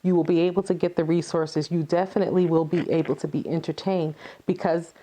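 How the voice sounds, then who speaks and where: A playwright and activist is an interview guest, giving earnest, encouraging answers conversationally and repeating phrases for emphasis. Her fairly low, dark voice keeps a fairly even intonation and runs a little fast.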